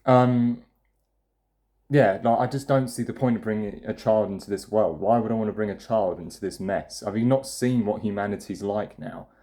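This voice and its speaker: A man's voice: fairly low pitch, brisk, hardly any pauses, warm tone. Blunt, swearing young man ranting. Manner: blunt, profane, rambling with restarts. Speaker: vlogger. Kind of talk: casual ranting monologue.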